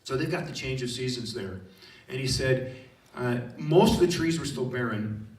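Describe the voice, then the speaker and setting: A man speaks at a student retreat as their theology teacher, telling stories with animation and turning to the students in the room. His voice sits at an ordinary pitch. The room rings around him, and he sounds a little distant from the mic. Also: normal speed, roomy sound. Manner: storytelling, animated, addresses audience directly. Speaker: high school theology teacher.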